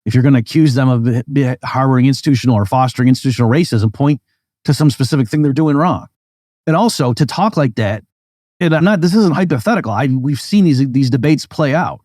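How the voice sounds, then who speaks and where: A man of ordinary mid-range pitch talks through his argument as a podcast host, in a relaxed, conversational style. His phrasing is loose and sprinkled with casual fillers. The sound is dry and close, with no room around it. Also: a little fast, dry recording. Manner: conversational, acts out hypothetical back-and-forth arguments; loose phrasing with frequent "like" and "you know". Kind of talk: explanatory monologue.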